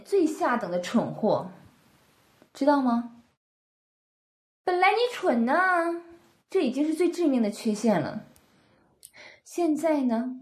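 A high, lively female voice that climbs and dips as she mocks. A woman acts out a scornful dominatrix who curses freely and hammers the same question over and over. The delivery stays harsh and contemptuous throughout this adult role-play. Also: heavily acted. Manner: harsh, taunting, swears a lot, repeats questions. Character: cruel scornful dominatrix woman, foul-mouthed, mocking.

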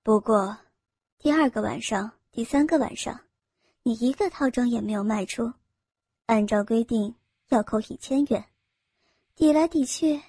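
A woman's voice: a little high, unhurried, pauses often, dark tone, slightly rough, no echo, studio quality, pitched below the performer's own voice. A woman voicing a cold, sneering female sales manager of about forty, speaking in a mocking, scolding way.

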